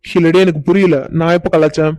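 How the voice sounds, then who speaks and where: A woman voicing a teasing, cocky young village man in a cartoon, with an unhurried, mock-innocent manner. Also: sits low, flat delivery, darkish tone, dry recording, close to an everyday voice. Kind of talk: cartoon voice acting.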